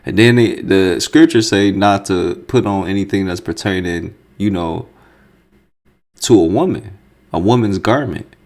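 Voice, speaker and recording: A man hosting a reaction video, talking in a casual, slangy way and swearing freely. His voice sits a bit low. He sounds animated and openly incredulous. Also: unhurried.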